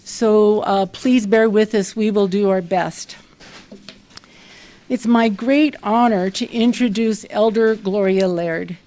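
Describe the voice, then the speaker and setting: A soft-spoken woman moderates a panel at a public event. She reads a formal introduction in a measured, careful way, at a middling pitch. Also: steady tone.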